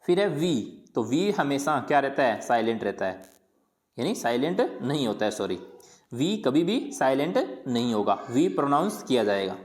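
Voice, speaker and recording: At a normal speed and with big pitch swings in a medium-pitched voice, a teacher explains pronunciation patiently and informally. Each question is followed by its answer, and the words are repeated several times apiece.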